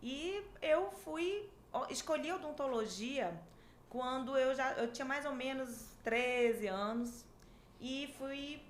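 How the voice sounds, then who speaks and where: Guest: lively Amazonian woman in her fifties, talkative and warm-paced, recorded in an echoey room. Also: high-pitched, slow pace. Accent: Amazonas Brazilian Portuguese. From Manaus, Brazil. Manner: lively, chatty storytelling with frequent fillers. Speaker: podcast guest, dentistry professor. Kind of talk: casual interview chat. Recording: echoey room, faint background hiss.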